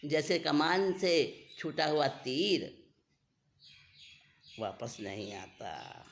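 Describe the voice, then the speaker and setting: Slow, lively-pitched spiritual teacher. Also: gravelly. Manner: deliberate, repeats phrases for emphasis. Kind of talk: scriptural discourse.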